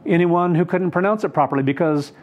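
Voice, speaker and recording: A man's voice: on the high side, quick pace, phone-quality sound. Earnest rambling male Bible teacher. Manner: rambling, self-correcting, earnest.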